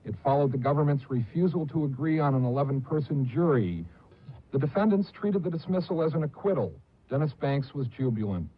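A man's voice: mid-range voice, expressive, brisk, lo-fi sound, a little hiss or hum. A male radio reporter reading a formal news report from an archival broadcast.

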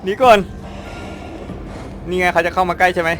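A Thai man commenting while playing a horror game, chatty and excitable, yelping and apologizing to the characters. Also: high voice, moderate pace. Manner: excitable, yelps and shouts when chased. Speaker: gaming YouTuber. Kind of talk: let's play commentary. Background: game music.

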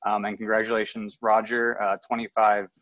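A man in his thirties with a lowish voice introduces panelists over a video call, relaxed and full of ums and restarts. The sound is dry and a little dull, as from a webcam in a home room. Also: moderate pace, no room sound. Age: 30s. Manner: relaxed, many fillers and restarts. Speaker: panel moderator. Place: home room with framed photos on the wall. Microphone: video call webcam, earbud.

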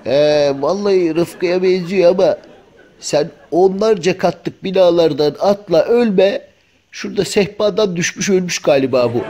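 A man's voice: sits high, unhurried, warm tone. A man voicing a chatty male house cat in a comic dubbing of pet videos, joking and grumbling with many exclamations. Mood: cheeky. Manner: colloquial, joking, full of exclamations.

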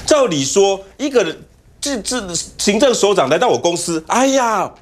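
A man's voice: high voice, normal speed. A man with a Taiwanese Mandarin accent giving heated political commentary as a talk show guest in a TV studio, telling stories and mimicking others. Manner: animated, storytelling, mimics others.

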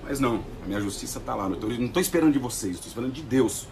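A Brazilian man rants in vlog commentary, slangy and defiant. He talks very fast with wide, lively pitch swings. A faint hiss sits under his voice. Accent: Brazilian Portuguese. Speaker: vlogger reacting to a TV clip. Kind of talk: ranting commentary.

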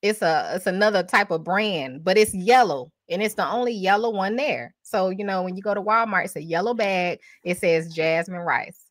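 A woman's voice: mid-range voice, normal speed, a bit bright, no echo, clean studio sound. A woman, a home cook hosting a casual livestream over a video call, laid-back and confident. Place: indoors, home kitchen. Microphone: webcam on video call.

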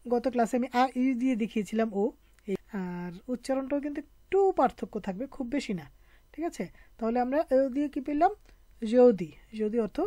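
A woman's voice: fairly high pitch, dark tone, dry recording. A woman teaching a French spelling and pronunciation lesson, patiently spelling out each sound letter by letter. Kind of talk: online language lesson.

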